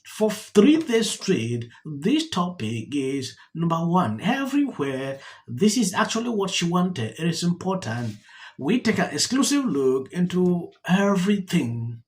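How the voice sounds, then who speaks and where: Lively-pitched news commentary narrator. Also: measured pace.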